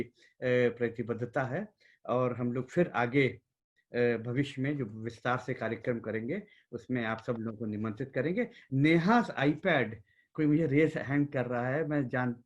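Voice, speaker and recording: A man hosting an online memorial meeting in Hindi, measured and courteous, speaking over a video call. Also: mid-range voice, dull audio. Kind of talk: formal memorial moderation.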